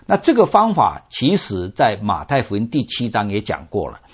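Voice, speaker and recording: A man gives a sermon in a teaching tone, stretching out his sentence particles and posing questions he then answers. His pitch rises and falls with lively movement. The recording is muffled and dull. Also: moderate pace, breathy edge. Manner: asks and answers his own rhetorical questions. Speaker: preacher. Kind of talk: sermon expounding a scripture parable.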